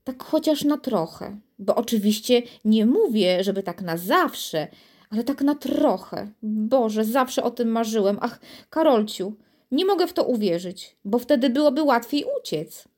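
A woman's voice: fairly high pitch, expressive, a little slow, a little mellow. A woman reading the lines of a worried, dreamy middle-aged city president in a storybook, sad and wistful in manner. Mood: pleading.

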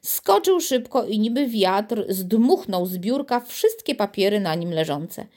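A woman narrating a children's storybook in a steady, lively storytelling manner. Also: medium pitch, measured pace. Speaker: audiobook narrator.

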